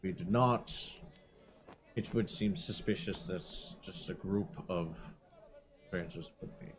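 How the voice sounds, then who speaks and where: A man's voice: deep voice, noisy background. A man speaking formally in character during a tabletop game. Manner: measured and formal. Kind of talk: slow, formal in-character speech. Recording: music playing under the voice.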